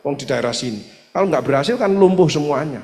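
A man with an East Javanese accent, a doctor giving an animated religious health seminar talk, acting out dialogues. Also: a little high, a little fast. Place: seminar hall. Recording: echoey hall reverb.

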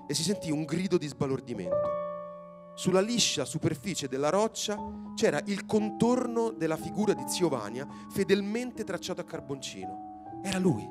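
A man reading a story aloud with vivid, expressive delivery on a theater stage at a public event. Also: a little high. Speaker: reader. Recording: live stage reading with music.

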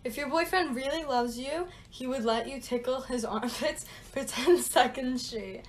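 Giggly, high-pitched young woman. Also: normal speed, slight background noise. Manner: giggly, teasing. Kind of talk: playful casual challenge video.

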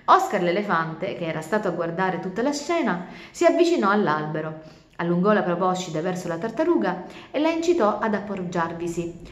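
A woman teacher reading a children's storybook aloud, chatting with the kids between passages. Her voice sits on the low side yet swings widely and expressively. The room adds a clear echo. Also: sing-song, a little fast. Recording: roomy echo.

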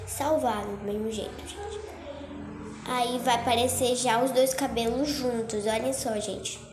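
A young Brazilian woman, a Roblox tutorial youtuber, walks viewers through a phone game in a casual screen-recorded tutorial, a little congested from a cold and constantly saying "gente" and "tá?". Her voice is on the high side and a little slow. The room echoes, music plays behind her, and the background is noisy.

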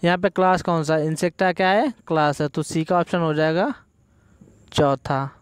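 Higher-pitched man teaching biology. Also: fairly even intonation, clear, resonant tone, dry recording. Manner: explains step by step, asks and answers his own questions; reads the English questions aloud slowly. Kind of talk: MCQ exam-prep lesson.

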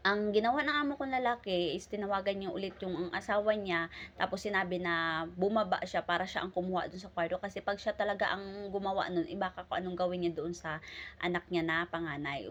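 A woman from the Philippines tells her story in a chatty, animated vlog style, speaking directly to her viewers. She works as a domestic helper and talks while she cleans an apartment, and her voice sits at a medium pitch.

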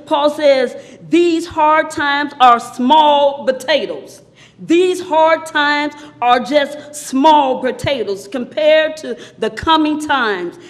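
Slow, high-voiced woman preacher. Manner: dramatic storyteller with swings between hushed and loud. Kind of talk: sermon storytelling.

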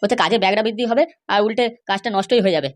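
Sly scheming fixer, rapid and boastful, voiced by a woman. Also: medium pitch. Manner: glib, boastful and reassuring. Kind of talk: cartoon voice acting.

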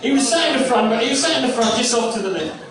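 A very high-voiced man doing a brash, swearing stand-up routine in a cavernous club. His voice comes from well off the mic, and a crowd laughs around him between lines. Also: expressive, fast. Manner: brash, profane, self-mocking. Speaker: stand-up comedian. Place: comedy club stage. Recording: echoey live room from far off, crowd. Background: audience laughter.

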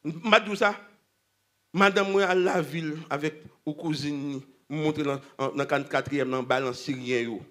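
A man preaching a sermon at a church convention, swinging between shouting and hushed storytelling. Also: a little high, fairly even intonation, unhurried.

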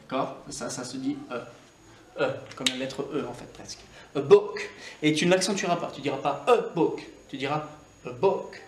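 A man, teaching English grammar to learners in a relaxed way. He repeats the example words slowly and thinks aloud with fillers. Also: medium pitch, echoey room, slight background noise.

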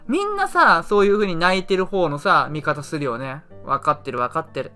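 A man's voice: on the high side, brisk, faint music behind. A man commenting on a dating game as he plays, reading its lines aloud and reacting. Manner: animated, reads dialogue aloud and reacts. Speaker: game streamer. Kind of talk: let's play commentary.

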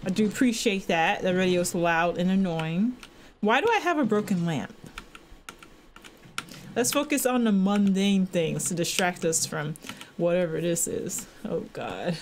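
A woman's voice: on the low side, a little slow, a little hiss or hum. A young woman giving casual horror game commentary as a scared streamer, rambling with nervous sarcasm and slang and often repeating herself. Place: small indoor room at a desk.

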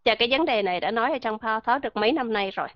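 Female classroom teacher who quizzes students and refers to herself by name; slightly high voice; muffled, dry recording. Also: lively intonation, racing, no echo. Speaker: English pronunciation teacher. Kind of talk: classroom lecture.

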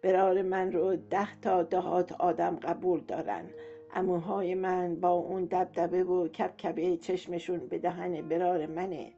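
A woman's voice: fairly low pitch, level tone, lo-fi sound, soft background music, close to an everyday voice. A woman reading as a nagging older aunt. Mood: insistent. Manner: nagging, sharp-tongued. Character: older aunt, pushy and scolding.

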